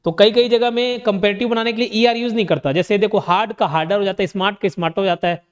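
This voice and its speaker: A man with an Indian accent teaching English grammar, asking his own questions and answering them, reading the example sentences out slowly. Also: high-pitched, fairly even intonation, clear, resonant tone, long reverb tail. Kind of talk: online exam-prep lesson.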